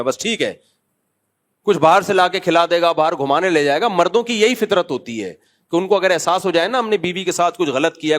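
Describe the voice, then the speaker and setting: A man's voice: high-pitched, fairly bright tone. A middle-aged man, a mufti answering questions from the public in a conversational, scolding manner with joking asides. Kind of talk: public Q&A talk.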